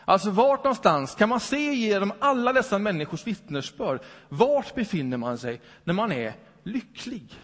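Lively man preaching in a hall. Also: high-pitched. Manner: lively, conversational preaching with rhetorical questions. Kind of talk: sermon. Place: church hall. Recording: long hall reverb.

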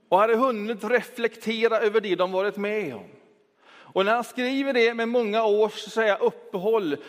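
A man preaching a Sunday sermon in a church, reflective, switching between quick talk and slow, stressed words. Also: high voice. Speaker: pastor. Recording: long church reverb.

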